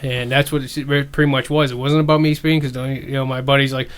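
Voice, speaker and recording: A man with a mid-range voice settles into a long, easygoing anecdote on a casual podcast. His storytelling is drawn out and relaxed. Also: medium pitch, fast talker, clean tone. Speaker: podcast co-host.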